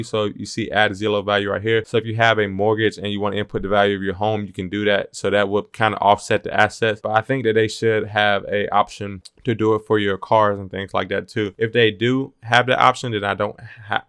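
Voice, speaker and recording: A man giving a casual to-camera review of a finance app, talking fast and drifting into tangents. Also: lowish voice, fairly bright tone, clean tone, no echo, studio quality.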